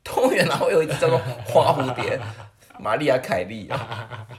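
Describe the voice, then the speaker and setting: A podcast co-host, telling and judging jokes in casual chat and bursting into high laughter often. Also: normal speed, a crowd in the background. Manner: animated, swings pitch widely.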